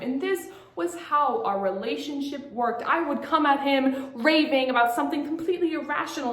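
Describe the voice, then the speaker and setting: Teen girl, high voice, dramatic interpretation, bright storytelling turning to hushed dread, echoey room. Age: teens. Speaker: student competitor.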